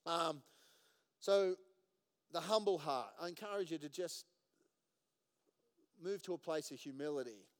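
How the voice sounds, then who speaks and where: A male pastor with a smooth, resonant, fairly high voice preaches earnestly to his congregation. He drops to near-hushed stretches and then climbs to loud emphatic points. The sound carries a long reverb from the church hall. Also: measured pace, long pauses. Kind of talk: sermon. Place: church auditorium.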